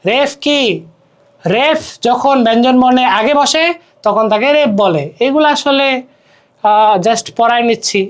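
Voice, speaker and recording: A man's voice: very high-pitched, measured pace, pauses often. Young man tutoring, repeating each example. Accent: Bangladeshi Bengali. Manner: explains step by step, repeating words and asking checking questions. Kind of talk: exam-prep grammar lesson.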